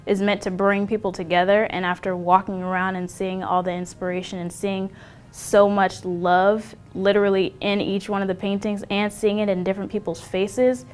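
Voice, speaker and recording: A woman's voice: mid-range voice, flat delivery, normal speed, clear, resonant tone. A woman sharing her impressions in a casual interview.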